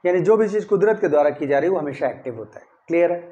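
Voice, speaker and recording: A man gives a step-by-step grammar lesson, checking in with his students as he goes. His voice sits high, and the recording is somewhat dull and lo-fi. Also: expressive, racing, dark tone. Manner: explains step by step, often asks "clear?"; stresses key words when saying model sentences. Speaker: English grammar teacher. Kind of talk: classroom-style grammar lesson.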